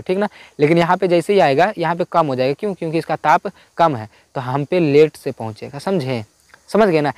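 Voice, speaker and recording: Man explaining physics answers, bit high-pitched. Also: darkish tone, no echo. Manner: repetitive, asks and answers his own questions; informal colloquial Hindi. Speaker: teacher.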